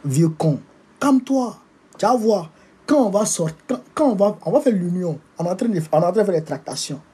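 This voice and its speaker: A man with an Ivorian French accent delivers a political rant, hurling insults and repeating his taunts. His voice is very husky and raspy, with a mellow tone sitting a little high for a man. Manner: combative, insulting, repetitive. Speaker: political activist.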